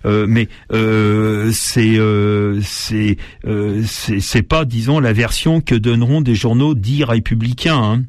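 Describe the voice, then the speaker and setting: A man's voice: lowish voice, fairly even intonation, takes it slowly, few pauses, a little mellow, no echo, studio quality. Hesitant French man reading old newspapers. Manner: hesitant, many fillers and restarts between read passages. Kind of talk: reading aloud with spoken commentary.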